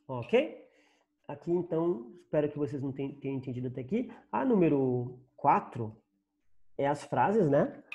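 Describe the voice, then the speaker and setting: Patient Brazilian teacher with lively pitch. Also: male voice, normal speed, dull audio. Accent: Brazilian Portuguese. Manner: patient, repeats and translates each phrase. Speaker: Spanish teacher. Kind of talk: online class explanation.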